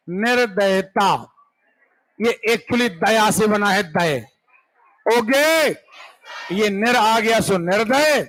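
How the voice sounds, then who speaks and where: A male teacher with a high voice talks very slowly and deliberately. He drills word lists one by one and keeps pausing to ask his class whether they have understood. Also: a bit bright, low-quality recording. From India. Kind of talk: classroom grammar lesson.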